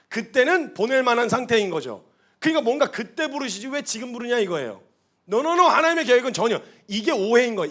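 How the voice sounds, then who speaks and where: A male missionary preaching a sermon to a seated church congregation, telling the story with animated delivery and acting out quoted dialogue. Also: very high voice.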